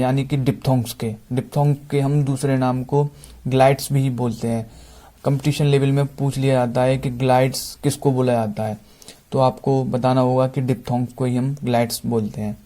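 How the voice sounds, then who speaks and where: A man with an Indian accent teaching English phonetics in Hindi, slowly repeating each example word. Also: mid-range voice, warm tone. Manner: slow, repeats example words one by one. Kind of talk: Hindi-language phonetics lesson.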